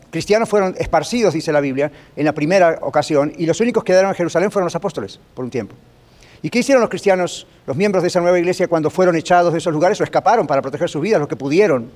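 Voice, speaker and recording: A man's voice: a little high, darkish tone. A man, a pastor, teaching a Bible class to his congregation in a sermon-style talk, conversational, often asking the listeners questions. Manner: rapid, conversational, asks the audience questions often. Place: large rented gym used for church meetings.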